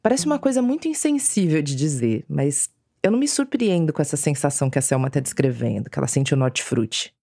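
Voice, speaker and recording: Uma mulher narrando um podcast com texto roteirizado, em ritmo de contação de história. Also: female voice, sits low, big pitch swings, creaky, dark tone, dry recording, studio quality. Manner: measured storytelling narration. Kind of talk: scripted narration.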